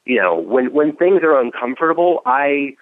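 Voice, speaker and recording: Over tinny, phone-like audio with no echo, a man speaks at medium pitch and a moderate pace. He's a comedian guest from the Midwest, near Chicago, animatedly telling stories on a casual radio show and voicing the people he quotes.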